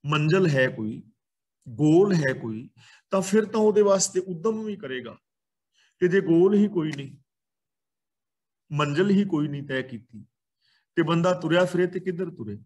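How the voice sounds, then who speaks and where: A man with a Punjabi accent explaining scripture in a calm way, pausing between short phrases. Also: a little high. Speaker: Sikh scripture teacher.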